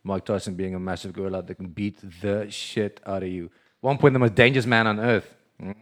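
A man's voice: fairly low pitch, fairly even intonation, fairly quick. A man co-hosting a casual podcast over beers, rambling with many restarts and swearing freely. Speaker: podcast co-host.

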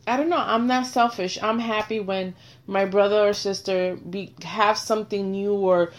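A middle-aged woman hosting a casual chat, speaking bluntly and with animated swings between quiet and loud. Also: mid-range voice, moderate pace. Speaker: host.

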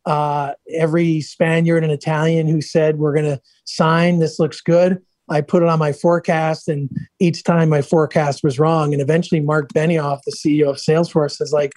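Middle-aged male guest, slightly higher-pitched, chatty storyteller, dry close sound. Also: flat delivery, a little fast, hardly any pauses, darkish tone, no room sound. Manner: upbeat, chatty anecdotes with many restarts. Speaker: guest, software entrepreneur. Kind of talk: casual interview storytelling.

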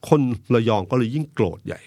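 A man's voice: fast talker, no room sound. A man commenting on politics in a talk show discussion, arguing his points with vivid analogies. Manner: animated, argumentative, uses vivid analogies.

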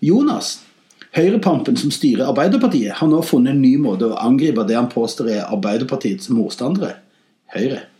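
Man, comedy podcast host, lively swooping pitch, sarcastic deadpan jabs, roomy echo. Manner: animated, with big swings in pitch and loudness. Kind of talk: comic storytelling and satirical commentary.

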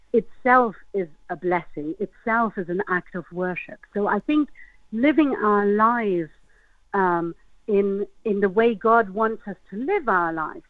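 A woman rabbi, a guest on a radio show, gives thoughtful, measured answers over a phone line. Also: mid-range voice, no room sound. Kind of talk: calm explanatory interview answers. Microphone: phone call into radio show.

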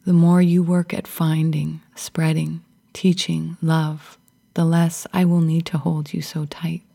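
A woman voicing the tender spirit of fear, speaking in a soft, loving whisper. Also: sits low, level tone, takes it slowly, gravelly, heavily acted.

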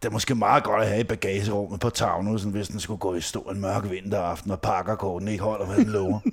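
A man's voice: fairly low pitch, fairly even intonation, creaky, breathy edge. A man telling comic stories in a slangy, profane way, with casual asides, as a podcast co-host. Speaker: podcast co-host reading a satirical diary.

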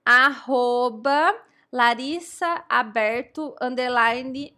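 Brazilian woman podcast co-host, high pitched, lively, teasing banter. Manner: lively, teasing, quick to cheer others on. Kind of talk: casual chat, reading listener comments.

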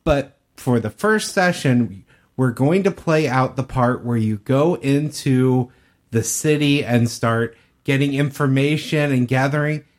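A man co-hosts a podcast, speaking casually and conversationally in a casual discussion. His voice is mid-range and his pace unhurried.

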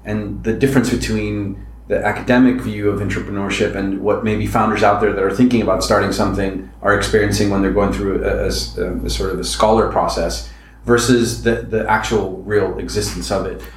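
A man's voice: fairly low pitch, steady tone, brisk, echoey room, slight background noise. A man from Latin America hosting an interview podcast, asking long, winding questions full of fillers. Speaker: podcast host.

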